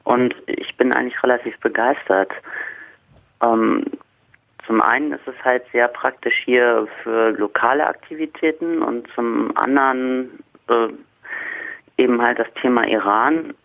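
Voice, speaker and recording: A man calling in to a radio show by phone, explaining his views in a slightly halting way. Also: mid-range voice, fairly even intonation, creaky. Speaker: caller. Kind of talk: phone-in call. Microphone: telephone. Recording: tinny phone line.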